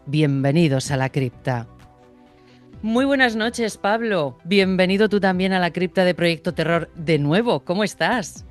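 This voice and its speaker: Host, middle pitch, welcoming and formal, light music underneath. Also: normal speed, hardly any pauses. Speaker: podcast host. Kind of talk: scripted introduction and casual interview.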